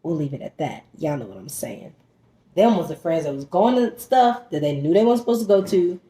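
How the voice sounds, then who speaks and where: A woman vlogger telling a story in casual chat, animated and emphatic, talking straight to her viewers as "y'all" while eating at home. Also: fairly low pitch, fairly quick. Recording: roomy echoey room.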